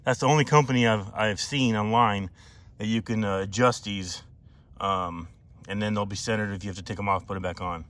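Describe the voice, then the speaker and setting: A man's voice: on the low side, steady tone, fairly quick, fairly bright tone. A man outdoors on a wooded trail, casually reviewing his bike parts, rambling with lots of fillers and restarts, recorded on an action camera. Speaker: mountain bike vlogger.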